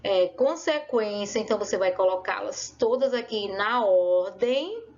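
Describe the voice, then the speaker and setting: A woman's voice: medium pitch, darkish tone. Patient woman teacher, lo-fi. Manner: patient, drawn-out explaining, fond of diminutives. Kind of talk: remote classroom lesson. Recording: dull lo-fi recording.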